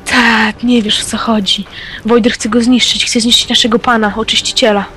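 A performer voicing a former friend who now serves a dark lord as a fanatic, talking in a menacing, preachy way in a Minecraft role-play. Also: mid-range voice, flat delivery, normal speed, natural voice. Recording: game music playing behind.

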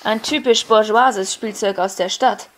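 A woman voicing a stern, suspicious male village headman in a storybook reading, with gruff, mistrustful questions. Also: medium pitch, steady tone, measured pace, a bit bright, close to an everyday voice.

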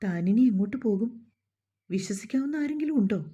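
A woman voicing a calm, kindly young man who speaks in a gentle, reassuring way, in a storybook reading on a dull lo-fi recording. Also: medium pitch, brisk, breathy edge.

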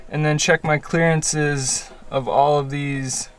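High-voiced man explaining engine repair. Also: fairly even intonation, slow pace, poor audio. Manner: chatty, explanatory, self-deprecating. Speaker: sailor rebuilding a boat engine. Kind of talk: casual how-to narration. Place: cramped boat engine bay below deck.

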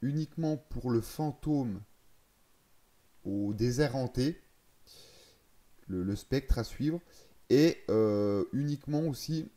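A man's voice: medium pitch, expressive, slow, pauses often, dark tone. A man casually explaining a game's settings, thinking aloud, hesitating and correcting himself as he goes. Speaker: gaming video creator.

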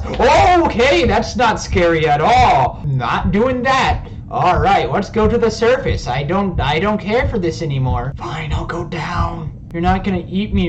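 A young man gives casual, playful game commentary at a close desk mic. He talks slowly with very varied pitch, and noisy game sound runs behind him. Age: young adult. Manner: playful, talking to the game's characters. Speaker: gaming streamer. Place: small bedroom, indoors. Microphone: boom-arm microphone close up, headset worn.

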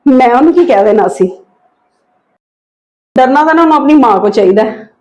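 A woman playing an aunt in a family drama, reasoning calmly and pleading for patience. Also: high voice, a little fast, lo-fi sound. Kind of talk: acted family drama dialogue.

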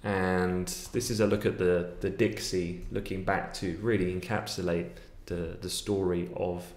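A man's voice: low-pitched, flat delivery, a little slow, a little mellow, reverberant. A man, giving fluent, analytical daily market commentary with frequent fillers from a small home office, recorded on a webcam at his desk.

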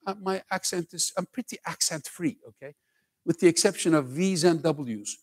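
An older Turkish professor with a light accent gives a lively lecture to students from a large auditorium stage. His voice is somewhat high with a darkish tone at a moderate pace, and he's conversational, joking with the crowd and ending points with "okay?"

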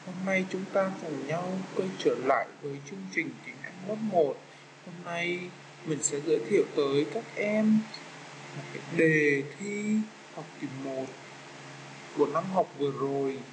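A man with a Vietnamese accent teaching young children English, patiently walking through an exam and repeating each word slowly. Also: on the high side, background noise.

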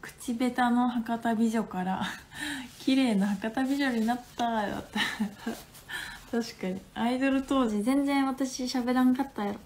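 A woman in her twenties with a Hakata accent, chatting casually on a phone livestream at home, playful and quick to laugh. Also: on the high side, darkish tone, a little hiss or hum. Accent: Hakata dialect. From Fukuoka, Japan. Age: 20s. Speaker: livestream host. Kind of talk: casual livestream chat reading viewer comments.

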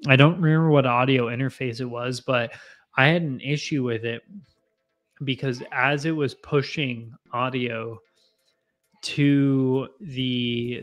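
A man in his mid-twenties hosts a casual live stream from an indoor home bar with bottle shelves, rambling and self-deprecating as he chats with viewers. He speaks into a boom mic positioned in front of his face.

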